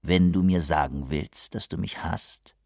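A man voicing a cold, scheming male co-duke of about fifty, smooth and quietly menacing. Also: sits low, fairly even intonation, unhurried, no echo, studio quality, full character voice.

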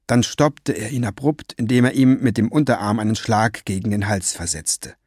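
Husky guy narrating an audiobook, steady and even, dry close sound. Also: on the low side, moderate pace, dry recording. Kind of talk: scripted narration.

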